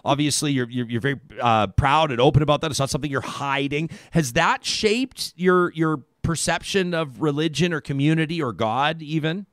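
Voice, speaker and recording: A man's voice: on the high side, normal speed, hardly any pauses, fairly bright tone, dry recording. A man in his forties hosting a live radio talk show, speaking earnestly and reflectively on a studio microphone, with some stammered restarts. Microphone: studio microphone with headphones.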